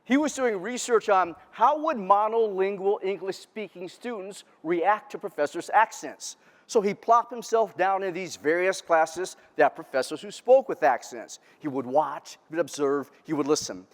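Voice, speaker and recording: A man giving a humorous keynote talk to a live audience, lively and quizzing the crowd. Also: high-pitched, normal speed. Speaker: keynote speaker. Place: large lecture hall before an audience. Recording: long reverb of a large hall.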